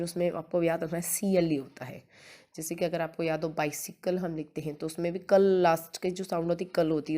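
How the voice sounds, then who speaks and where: A woman's voice: fairly low pitch, dark tone. Patient woman teacher spelling words aloud. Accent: Hindi-accented English. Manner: addresses pupils fondly as beta, often checks with "theek hai na". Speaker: school teacher. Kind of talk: spelling lesson for young children.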